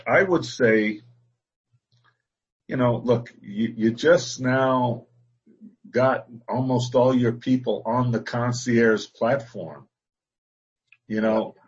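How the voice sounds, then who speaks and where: Husky-voiced man coaching slowly. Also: medium pitch, highs cut off. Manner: conversational, repeats "exactly" and "you know". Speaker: business coach. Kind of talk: coaching session on a call.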